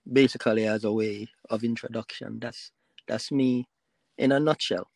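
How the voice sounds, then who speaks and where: A man from Jamaica speaks as a guest on an online podcast, his pitch sitting in the middle range. He talks haltingly, filling gaps and restarting his sentences. The sound is dry and close, with no room in it. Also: fairly even intonation, gravelly, dry recording. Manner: halting, with many fillers and restarts. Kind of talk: casual interview talk.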